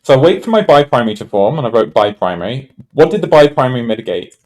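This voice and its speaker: A man in a middle register talks through a chart trade review in a loose, conversational way. He thinks out loud, trails off, restarts his sentences and fills the gaps with ums and you-knows. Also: medium pitch, very animated, fast. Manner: rambling, thinks aloud with fillers and restarts. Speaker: trading educator. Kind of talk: casual screen-share trade walkthrough.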